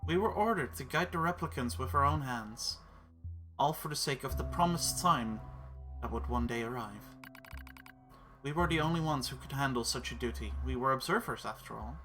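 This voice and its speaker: A man streaming a game who reads its story text aloud in a steady, measured way. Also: medium pitch, soft background music.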